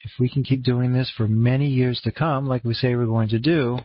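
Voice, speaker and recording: Male conference-call host, Maine accent, husky voice, laid-back rambling delivery, dull lo-fi recording. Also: mid-range voice, steady tone, fairly quick, no room sound. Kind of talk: casual, rambling online presentation. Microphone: online conference room call. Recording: dull, muffled lo-fi audio.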